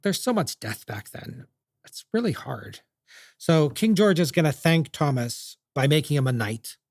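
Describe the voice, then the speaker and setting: A man's voice: a little high, animated, a little slow, gravelly, darkish tone, no room sound, studio quality. A man hosting a podcast, telling history in a chatty, jokey, casual way. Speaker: podcast host.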